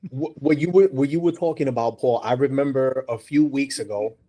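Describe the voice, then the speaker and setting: A male podcast host telling a story in casual chat, animated and profane, acting out the people in it. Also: medium pitch, a little fast. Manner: animated, profane, acts out dialogue.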